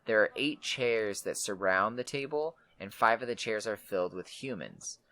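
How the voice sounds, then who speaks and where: A man's voice: fairly low pitch, moderate pace. Man narrating as game master. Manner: relaxed, filler-heavy.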